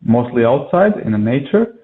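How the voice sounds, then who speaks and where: A man's voice: medium pitch, very animated, normal speed. A man from Latvia, a yoga and mindset coach, talking in an interview with many hesitant filler sounds. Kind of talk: conversational interview. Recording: tinny phone-like call audio.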